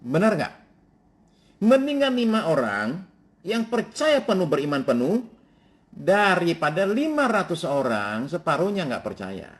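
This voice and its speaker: Male pastor, fairly high animated voice, sermon mixing formal reading with street-casual asides. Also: a little slow. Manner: animated preaching, switches between formal scripture reading and casual Jakarta slang.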